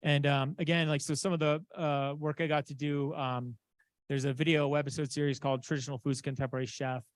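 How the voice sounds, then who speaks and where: A man's voice: fairly high pitch, flat delivery, dry recording. Guy from southeast alaska talking over slides, lots of ums and restarts, dry close sound. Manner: halting, many fillers and restarts. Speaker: conference presenter. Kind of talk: slide presentation talk. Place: conference room.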